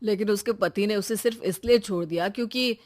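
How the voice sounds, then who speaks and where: A woman's voice: medium pitch, a little fast, darkish tone, lightly acted. A woman playing an earnest, trusting young brother in a moral story, with a mild, explanatory manner. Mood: hesitant, earnest.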